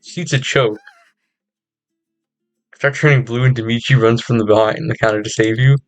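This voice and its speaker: A man's voice: medium pitch, fairly even intonation, normal speed, no room sound, soft background music. A man streaming a game, reading its narration aloud with giggles and stumbles. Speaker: gaming streamer.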